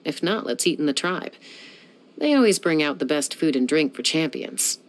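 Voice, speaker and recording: In video game voice lines with poor audio, a young woman plays a cool, confident gunslinger who flies, settles disputes and teases dryly. She speaks at a moderate pace in a low, expressive voice.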